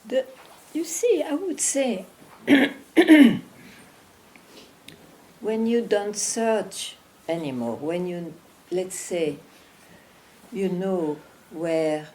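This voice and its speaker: A woman spiritual teacher speaking in a gentle, measured way at a satsang. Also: mid-range voice, lively intonation, a little hiss or hum. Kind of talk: satsang talk.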